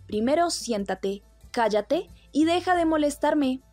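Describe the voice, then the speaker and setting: A woman's voice: high-pitched, animated, measured pace, a little mellow, no echo, soft background music, pitched above the performer's own voice. A woman voicing a stern male ex-captain who gives curt orders, read out plainly in a dry voice. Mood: commanding.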